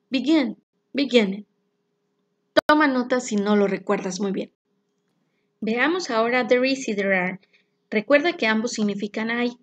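A woman teaching an English grammar lesson, explaining rules slowly and clearly and reading example sentences. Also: fairly high pitch. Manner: clear, slow explanations with spelled-out endings.

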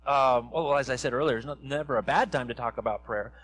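A man's voice: mid-range voice, quick pace, a bit bright, rough recording. A man in his forties preaching an interactive sermon in a church sanctuary, quizzing the congregation as he walks about. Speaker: pastor.

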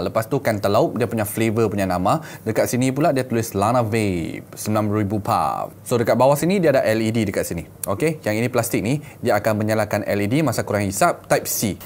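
A man's voice: mid-range voice, a little hiss or hum. A man in his thirties with a Malaysian accent, reviewing products in a casual, colloquial vlog style, often repeating himself and addressing viewers as friends. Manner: colloquial, repeats phrases, talks to viewers as 'guys' and 'gang'. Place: small indoor room set up as a gaming studio.

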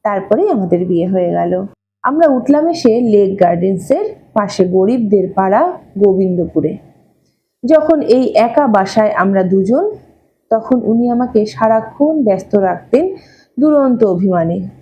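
A woman's voice: medium pitch, measured pace, dull audio, a little hiss or hum. A woman reading a Bengali short story aloud, narrating and voicing a husband and wife in dialogue. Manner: voices the husband and wife dialogue with lively shifts. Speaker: story reader. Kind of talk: scripted audiobook narration.

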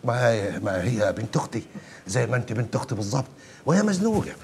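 An actor playing a soothing working-class uncle in an Egyptian TV drama, speaking Egyptian Arabic and often repeating himself. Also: male voice, medium pitch, big pitch swings, quick pace, a little mellow, a little hiss or hum. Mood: calming.

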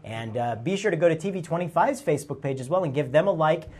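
Husky upbeat Midwestern TV host. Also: male voice, fairly high pitch, animated, quick pace, a little mellow. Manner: upbeat, playful, goofy. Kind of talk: live parade commentary. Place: TV studio overlooking the street.

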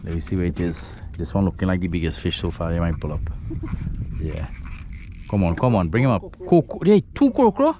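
A man with a Trinidadian accent giving chatty, excitable running commentary while fishing from a small boat. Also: low-pitched, a little fast. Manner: chatty, excitable, creole phrasing. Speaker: fishing vlogger. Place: outdoors on a small boat at sea. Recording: noisy outdoor water and wind.

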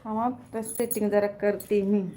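A woman's voice: medium pitch, little pitch movement, unhurried, mellow, low-quality recording. A woman hosting a casual live stream from her phone, greeting viewers by name, reading their comments aloud and checking that her sound comes through.

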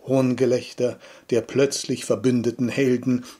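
A man reading a short story aloud, giving the stage directions in a low, dry voice. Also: level tone, measured pace, warm tone, breathy edge. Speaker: audiobook reader. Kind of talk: scripted narration of a short story.

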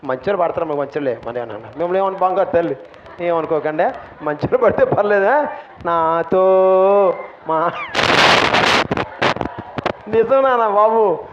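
Male pastor preaching, high voice, impassioned swings from shouts to hushed asides, dull lo-fi church recording. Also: expressive, fairly quick, long pauses. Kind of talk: sermon. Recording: dull lo-fi recording, faint room noise.

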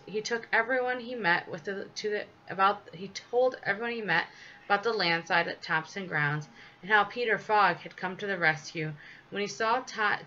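Woman storybook reader, measured and expressive, slightly dull recording. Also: medium pitch. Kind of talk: reading a children's story aloud. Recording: slightly dull with faint hiss.

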